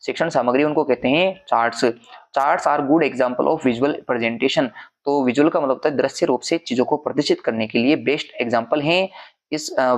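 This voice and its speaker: Man teaching, slow English then Hindi. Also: medium pitch, lo-fi sound. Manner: reads English points slowly, then explains them in Hindi. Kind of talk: exam revision lecture.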